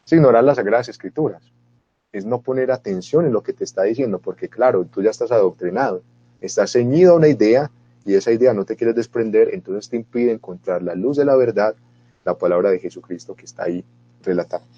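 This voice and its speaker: A man's voice: on the low side, fairly quick, husky. A man giving a spoken Bible lesson, talking straight to his listeners and lifting his voice with feeling when he quotes scripture. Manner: earnest, animated when quoting scripture; talks to listeners directly with asides. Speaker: catechist. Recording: dull lo-fi recording.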